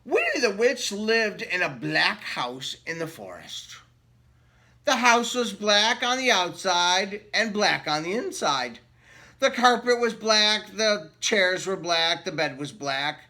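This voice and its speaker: With a high, sharp-toned voice, a man gives an animated, playful reading of a picture book to children. Along the way he speaks directly to the young listeners, asking them questions.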